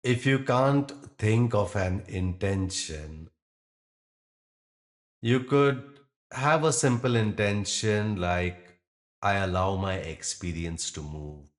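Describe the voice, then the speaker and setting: Leaving pauses between phrases, a man with a lowish voice leads a guided yoga nidra meditation in a calm, gentle and measured way.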